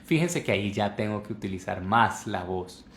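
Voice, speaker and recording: A man's voice: on the low side, lively intonation, moderate pace, fairly bright tone, reverberant, a little hiss or hum. A man teaching English pronunciation in a live online class, explaining and repeating words over and over to demonstrate the sounds.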